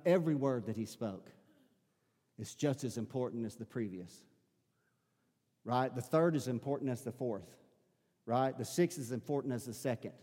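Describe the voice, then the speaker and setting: A man's voice: medium pitch, a little mellow. A man preaching a sermon as pastor, calling out rhetorical questions to his congregation. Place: church sanctuary. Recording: long hall reverb.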